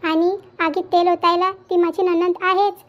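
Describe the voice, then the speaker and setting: A troubled young cartoon daughter, voiced by a woman, very high-pitched and pleading, stumbling over her words. The sound is dull and lo-fi, with faint music behind. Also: level tone. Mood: tearful. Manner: hesitant, pleading, halting restarts. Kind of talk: Marathi cartoon voice acting.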